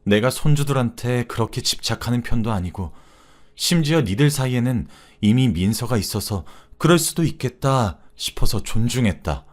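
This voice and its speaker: A man's voice: mid-range voice, animated, normal speed, voice pushed up, natural voice. Stern older mother lecturing her daughter-in-law, read by a man; reproachful and firm.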